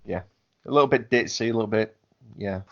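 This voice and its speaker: Chatting casually about films as a podcast co-host, a man rambles with many fillers and restarts. He talks briskly in a lowish, fairly bright voice with vocal fry, captured with lo-fi sound.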